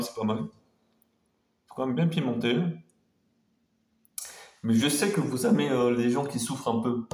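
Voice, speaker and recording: A man's voice: mid-range voice, a little mellow. A man chatting casually to viewers as a food-tasting vlogger, talking in a hesitant, rambling way and repeating himself. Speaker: food taste-test vlogger. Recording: roomy echo, faint background noise.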